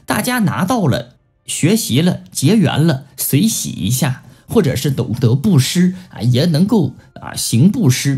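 Animated, husky-voiced male lecturer. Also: fairly high pitch. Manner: animated storytelling with acted-out quotes. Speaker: Buddhist teacher. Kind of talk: recorded Buddhist scripture lecture.

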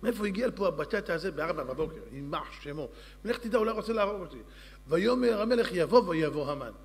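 A rabbi delivering a lively storytelling sermon, speaking straight to his audience. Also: on the high side, big-room sound, slight background noise. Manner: storytelling, addressing audience directly. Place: synagogue or lecture hall.

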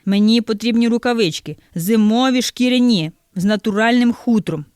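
A woman's voice: medium pitch, moderate pace, a little mellow, no room sound, studio quality, close to an everyday voice. A woman doing an exasperated male customer. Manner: insistent, rising irritation.

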